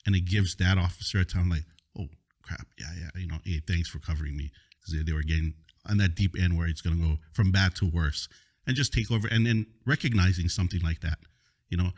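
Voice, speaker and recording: A man from Hawaii, a police officer and podcast guest, telling work stories in a lively way and often chiming in with quick agreement. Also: low-pitched. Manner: animated storyteller, quick affirmations. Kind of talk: casual podcast conversation.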